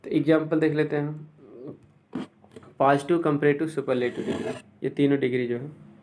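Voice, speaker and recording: A man who teaches English, explaining grammar rules step by step and slowly repeating each example word. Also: a little high, fairly even intonation, a little mellow, slight background noise.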